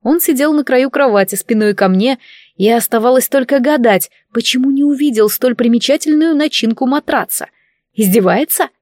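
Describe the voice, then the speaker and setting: A woman narrating a fantasy novel in first person, with an ironic, lively telling. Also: high-pitched, fairly quick, no room sound, studio quality. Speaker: audiobook reader. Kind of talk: scripted narration.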